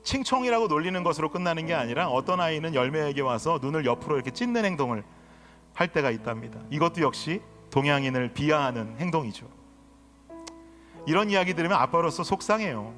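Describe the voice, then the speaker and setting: Lively high-voiced pastor in echoing church. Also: male voice, fast talker. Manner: storytelling, acts out his daughter's and others' voices, rises to emotional pleading. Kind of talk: sermon. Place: church sanctuary. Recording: reverberant sanctuary with faint guitar.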